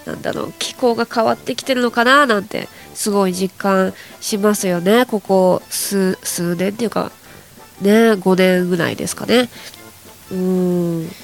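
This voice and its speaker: A young woman hosts a chatty solo radio show, rambling casually to listeners, her voice nasal and congested from hay fever. It's mid-range, gravelly and at normal speed, with soft background music.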